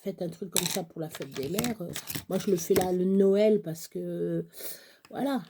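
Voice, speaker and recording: A woman chatting casually through a crafting tutorial, rambling and halting with many fillers, sometimes dropping to a whisper. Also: fairly low pitch, background noise. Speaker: craft vlogger.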